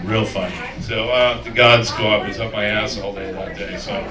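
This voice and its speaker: A stand-up comedian with a lowish voice, steady tone and normal pace works through a rambling, self-mocking set of crude jokes at a comedy club. Recorded from a distance, the roomy audio captures the crowd laughing.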